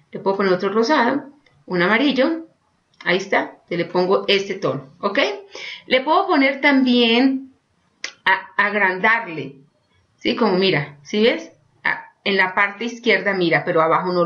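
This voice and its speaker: A woman's voice: mid-range voice, a bit bright, muffled recording. Chatty woman walking through a tutorial. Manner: chatty, keeps prompting with "mira" and "¿ok?". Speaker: online course instructor. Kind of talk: screen-recorded software tutorial.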